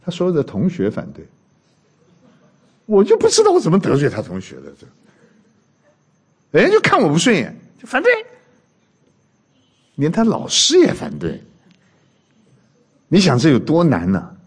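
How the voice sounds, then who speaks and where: A man's voice: a little high, moderate pace, long pauses, husky. A man preaching a sermon, telling jokes and stories and firing questions at the congregation. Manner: animated, joking storyteller who quizzes the congregation. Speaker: pastor.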